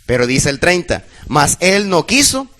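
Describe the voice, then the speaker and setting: A man's voice: on the high side, big pitch swings, a little slow, fairly bright tone. A middle-aged man preaching a sermon as pastor, emotional and emphatic, speaking straight to his congregation.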